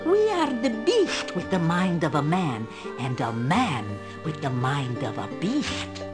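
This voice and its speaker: Old female fortune teller, video game character, slow solemn delivery, sweeping intonation, mysterious, proud. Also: fairly low pitch, exaggerated voice. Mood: fierce, exultant.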